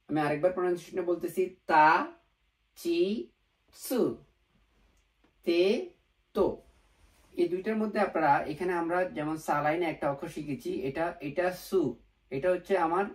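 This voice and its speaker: A man teaching a beginner Japanese lesson at a whiteboard, patient, slowly repeating each sound. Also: fairly high pitch, far from the mic, rough recording.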